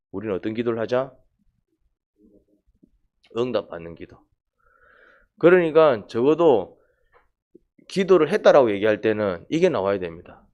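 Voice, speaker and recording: A man's voice: lowish voice, a little mellow, muffled recording. A middle-aged man, preaching a casual, conversational sermon and often asking the congregation questions. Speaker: pastor. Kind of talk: sermon at a Wednesday prayer meeting.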